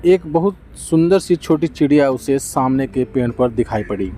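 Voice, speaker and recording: A man narrating a children's folk tale in a gentle, steady scripted storytelling manner. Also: medium pitch, normal speed, soft background music.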